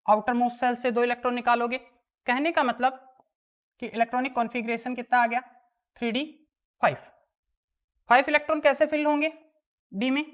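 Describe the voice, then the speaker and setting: A woman teaching a chemistry lesson, asking the class questions and answering them herself. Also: fairly high pitch. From India. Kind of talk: classroom lesson explaining worked exam problems.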